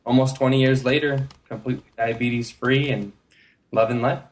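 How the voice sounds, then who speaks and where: A man in his thirties from the United States, a guest telling his own story in a casual interview, relaxed, with many fillers. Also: mid-range voice, fairly quick.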